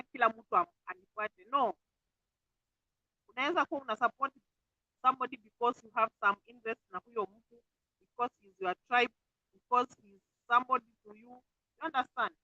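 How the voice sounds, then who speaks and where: A woman's voice: sits high, bright, forceful tone, no room sound. A Kenyan woman calling in over a poor connection, speaking earnestly and urging listeners, switching between Swahili and English. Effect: bad call connection, poor audio. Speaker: caller on a live show. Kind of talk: call-in opinion. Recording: muffled dry call line.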